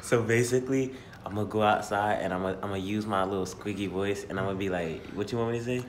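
A man's voice: fairly low pitch, fast. A young man hosting a casual prank vlog, laughing and talking loosely in slang. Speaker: vlogger. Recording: noisy phone video.

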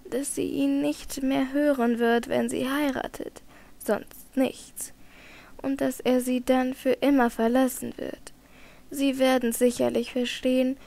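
A devout, naive old lady speaks slowly with gentle insistence, her voice pitched a little high with a gravelly rasp underneath, as an audiobook reader puts her on. She sometimes drops to a hush. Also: exaggerated voice. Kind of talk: audiobook character reading.

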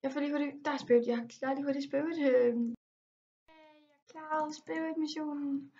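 Excitable young woman gaming. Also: high voice, dull audio. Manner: excitable, quick to exclaim and complain, mixes in English slang. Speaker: gaming vlogger. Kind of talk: casual gameplay commentary.

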